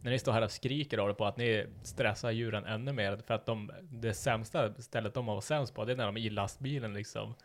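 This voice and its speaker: A man's voice: on the low side, few pauses. A man in casual podcast chat, ranting and heated and swearing freely as he tells a story.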